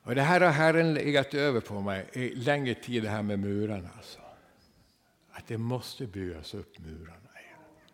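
A man preaching a sermon to his congregation, swinging from loud, emphatic passages to hushed near-whispers and tagging rhetorical questions with a quick "va?". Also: medium pitch. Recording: long reverb of a church hall.

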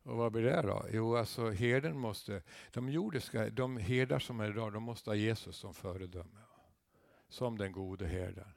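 A man's voice: lowish voice, gravelly, dry recording. Emphatic preaching man, dry sound. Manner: conversational preaching, rising to loud emphatic peaks; tag questions and asides to the congregation. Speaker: guest preacher. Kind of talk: sermon.

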